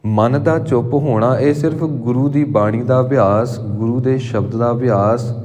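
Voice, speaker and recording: A man preaching a scripture exposition sermon. He speaks as a deliberate teacher, intoning verses slowly and stressing syllables. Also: mid-range voice, a little mellow. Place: temple hall. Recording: long hall reverb.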